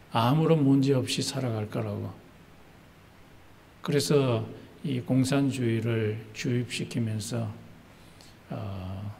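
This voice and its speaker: A male pastor preaching a sermon slowly and deliberately, pausing often with "uh" fillers. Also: mid-range voice, vocal fry, a little mellow. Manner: slow, deliberate preaching with many pauses and "uh" fillers. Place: church sanctuary. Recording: church hall reverb, faint noise.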